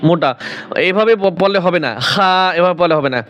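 In this muffled recording, a man with a high, clear, resonant voice talks fast. He gives an Arabic alphabet pronunciation lesson for Quran reading, walking through each letter in turn, then posing questions and answering them himself.

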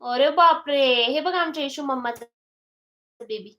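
A woman's voice: high voice, moderate pace, fairly bright tone. A young woman chatting on a phone live stream, coaxing her toddler in sing-song baby talk and greeting viewers. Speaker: mother hosting a live stream.

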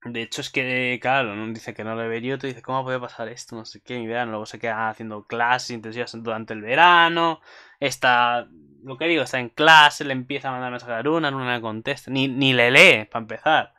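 A man's voice: medium pitch, a little fast, bright, forceful tone, smooth. A man casually recapping an anime episode for his channel, rambling and swearing freely with asides to viewers.

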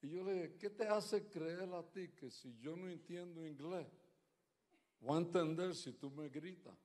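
A man preaches to his congregation with a fairly high voice that carries a long echo through the church hall. He moves between loud, emphatic declarations and quieter, chatty storytelling. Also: a little slow. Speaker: pastor. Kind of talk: sermon with stories.

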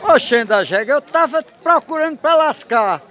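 A vlogger from rural Pernambuco, Brazil, with a Northeastern Brazilian accent, chats casually while filming outdoors at an open cattle fair, holding his phone behind the camera. His voice is extremely high, animated, pushed and bright at a moderate pace, with busy crowd chatter all around.

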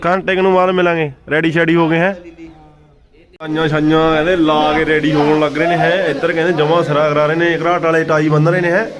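A man's voice: on the high side, little pitch movement, fast talker. A young man with a Punjabi accent giving casual vlog commentary in hearty, teasing banter, often echoing what others say. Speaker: vlogger filming the groom's friends. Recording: chatter of a crowd behind. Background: group of men chattering.

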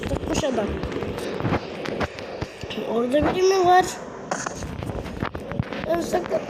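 A woman commenting on a game in casual, excitable chat, her voice worn from being sick. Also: extremely high pitch, slow pace, very noisy. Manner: excitable, swearing, frequent exclamations. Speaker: gamer.

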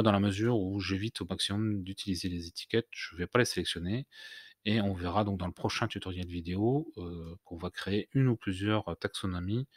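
A man hosting a screen-recorded software tutorial, explaining step by step with many hesitations and restarts. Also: deep voice, dry recording, studio quality. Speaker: tutorial host.

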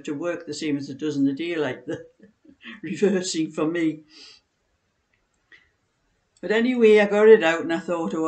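A woman's voice: low voice, darkish tone. A woman, chatting casually in a rambling, anecdotal way in her living room. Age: 60s. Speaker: knitting vlogger. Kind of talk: casual chat. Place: living room, seated on a sofa indoors.

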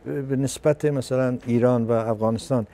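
A man's voice: medium pitch, steady tone, mellow. A man hosting an interview, asking questions in a hesitant way with fillers. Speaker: interviewer, program host.

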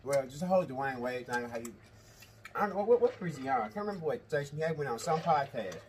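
A man in his thirties giving opinions in casual chat, halting and repeating himself for emphasis. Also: mid-range voice, animated, far from the mic, slight background noise. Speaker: co-host, the host's husband. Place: indoor studio, seated at a table of food.

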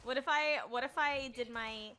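A young woman chatting casually with friends during a game stream, with a squeaky voice and frequent laughter. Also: normal speed, bright, forceful tone, slight background noise. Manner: high, squeaky-toned, laughs often. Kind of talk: casual chat while gaming.

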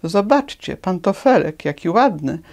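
A woman's voice: on the low side, expressive, unhurried, darkish tone. A woman voicing an eager, curious little match girl in a storybook reading. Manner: eager, delighted.

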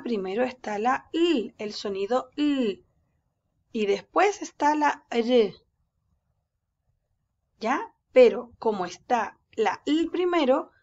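Slow, patient woman teacher. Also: high voice, dull audio. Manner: slow, patient, drawing words out syllable by syllable. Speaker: first-grade teacher. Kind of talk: reading lesson for young children.

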